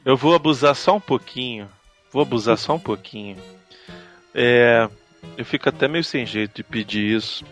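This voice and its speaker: A man's voice: medium pitch, moderate pace, a bit bright, faint music behind. Teasing male podcast co-host. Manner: teasing and jokey. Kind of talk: casual podcast chat.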